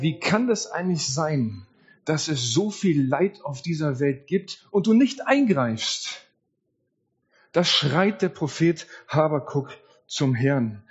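A man preaching a sermon, speaking slowly and deliberately and acting out scripture quotes with rising emotion. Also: a little high, a little mellow, breathy edge. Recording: dull lo-fi recording.

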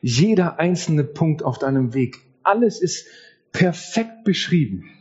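A preacher putting on a gentle kindly guide. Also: male voice, fairly high pitch, unhurried, highs cut off. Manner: soft, calm and kindly. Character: kind gentle male guide.

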